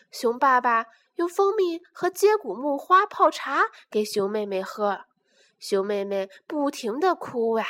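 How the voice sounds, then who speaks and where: A woman reading a children's storybook aloud in an expressive, animated way. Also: high-pitched.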